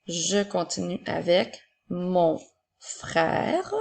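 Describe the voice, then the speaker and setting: A woman teacher giving a slow, clear spelling and dictation lesson to young children, repeating each word. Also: lowish voice.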